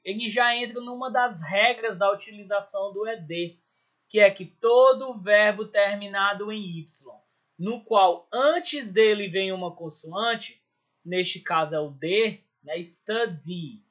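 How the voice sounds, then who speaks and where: A Brazilian man with a high, bright voice teaches an English grammar lesson in a slow, unhurried way. He walks through each rule step by step and keeps checking in with his students. The recording sounds a little dull and lo-fi. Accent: Brazilian Portuguese. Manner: explains step by step, checking in with "certo?" and "beleza?".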